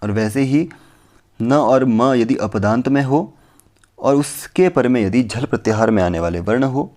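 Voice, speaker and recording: A male teacher gives a patient, step-by-step lecture. He poses questions to himself and answers them, repeating key terms. When he quotes verses, he slows down and recites them carefully. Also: mid-range voice, mellow. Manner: recites Sanskrit verses slowly. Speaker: Sanskrit teacher. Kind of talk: explanatory lecture on phonetics.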